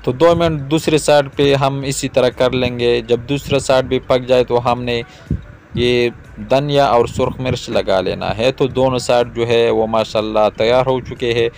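Cooking host, man, 30s, even mid voice, patient step-by-step explainer, faint outdoor noise. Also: mid-range voice, moderate pace, vocal fry. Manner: calm, repetitive explaining, addresses viewers directly. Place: outdoors in a garden yard.

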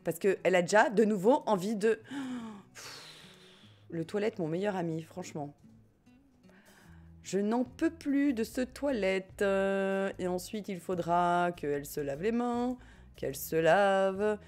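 A woman's voice: mid-range voice, lively intonation, slow, darkish tone, soft background music. A woman with a French accent chatting casually as she streams a life-sim game and reads her chat, joking and often laughing. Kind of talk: casual gameplay commentary, reading chat.

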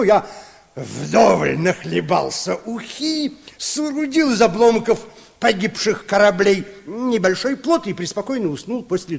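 An actor playing a boastful, excitable baron telling tall tales in a theatrical, pompous old radio play manner. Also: male voice, high-pitched, vocal fry, full character voice. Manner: theatrical, pompous, wildly dramatic. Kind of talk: mid-century Soviet radio play storytelling. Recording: reverberant old radio drama recording.

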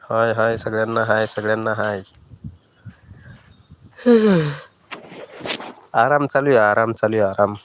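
A man's voice: fairly low pitch, steady tone, slow pace, long pauses, a little hiss or hum. A young man, chatting casually on a phone live stream from a brick kiln and greeting viewers by name. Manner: easygoing, greets viewers by name, repeats phrases. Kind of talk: casual live-stream chat reading comments.

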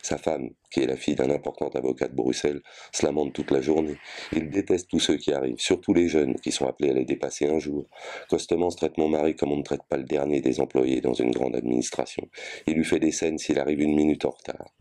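A man's voice: a bass voice, fairly even intonation, warm tone. A man reading as a bitter, ranting wife. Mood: resentful. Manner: voluble, ranting without pause. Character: overwrought colonial wife, bitter, volatile.

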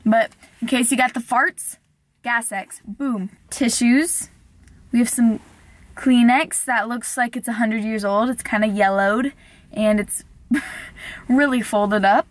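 Sitting in a parked car with a dashboard camera rolling, a young adult woman chats casually for her vlog. Her voice is on the high side, steady in tone and slow in pace, and she's giggly and talkative, using "like" often.

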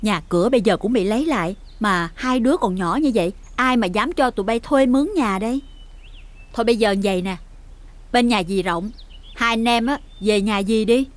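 A woman's voice: a little high, moderate pace, close to an everyday voice. A middle-aged actress with a Southern Vietnamese accent, playing a caring aunt in a TV drama, coaxing and motherly. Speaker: aunt taking in orphaned nephews. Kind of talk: TV drama acting. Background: soft background music.

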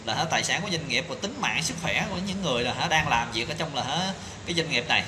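Filmed on a phone in a cramped tiled room that echoes and carries background noise, a man in his thirties rants indignantly to camera, leaning on rhetorical questions and filler words. He speaks fast in a mid-range voice with lively intonation.

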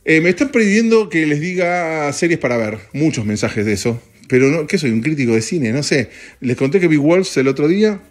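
A man's voice: a little high, fairly quick. Rambling Argentine guy, joking chat. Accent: Argentine Spanish. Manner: rambling, joking, swears casually, jumps between topics. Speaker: podcast host. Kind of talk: casual voice-note chat. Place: standing in an office.

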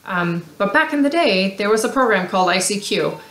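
A woman from Denmark, co-hosting a casual podcast and telling stories in a relaxed, chatty way. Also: medium pitch, a little fast. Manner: relaxed, chatty storytelling with fillers. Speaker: podcast co-host. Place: home craft room, seated with co-host. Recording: roomy echo.

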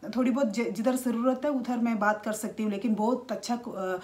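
A woman, talking casually to camera in a halting way with many restarts. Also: a little high, fairly even intonation, a little mellow. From India. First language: Malayalam. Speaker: vlogger.

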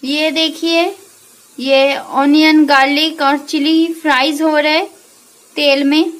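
Slow, high-voiced woman cooking. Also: fairly bright tone, poor audio. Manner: chatty, addresses viewers as friends. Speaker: cooking channel host. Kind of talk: casual cooking tutorial. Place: home kitchen.

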